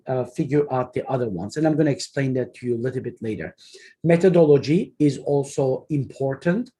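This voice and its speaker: A journal editor in his forties, a native Turkish speaker, lectures in English with a Turkish accent during an online webinar. His slightly high, mellow voice sounds earnest and halting, with frequent pauses, restarted phrases, and many ums. The audio comes from a computer mic on a video call.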